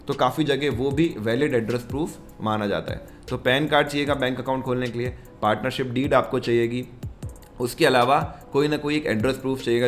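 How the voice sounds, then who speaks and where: Young guy hosting, explaining stuff step by step, soft music behind. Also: medium pitch. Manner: explains step by step in a mix of Hindi and English. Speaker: host. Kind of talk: explainer interview.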